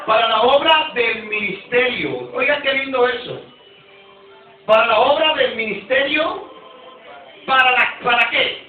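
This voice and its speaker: High-voiced Nicaraguan pastor, echoey church. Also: male voice, unhurried, long pauses, soft background music. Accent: Nicaraguan Spanish. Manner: emphatic, calls for congregation responses; repeats and restarts phrases. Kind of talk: Sunday school teaching sermon. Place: church hall. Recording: distant, echoey, phone-like church recording.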